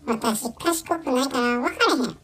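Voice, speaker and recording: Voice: medium pitch, normal speed, fairly bright tone. An owner voicing a dim but sweet female chihuahua who talks in a Kansai accent and gripes naively, in a comic pet voice-over through a talking-pet voice-changer app. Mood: grumbling. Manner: chatty, complaining, naive.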